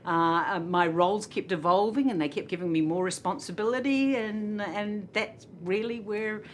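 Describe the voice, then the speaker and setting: A middle-aged woman with a New Zealand accent, a hotel executive chatting in an interview, laughing often and filling pauses with many uhs. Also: medium pitch, slight background noise. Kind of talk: casual interview chat.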